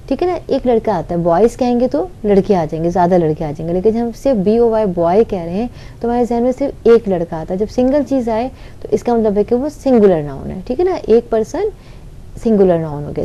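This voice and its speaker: A woman's voice: mid-range voice, mellow. A woman teaching an online grammar lesson, patiently explaining and answering her own questions.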